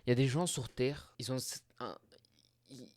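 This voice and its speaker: A man's voice: medium pitch, normal speed, a little mellow, soft background music. A young man hosting a casual reaction video, talking in slang, sounding exasperated and mumbling asides.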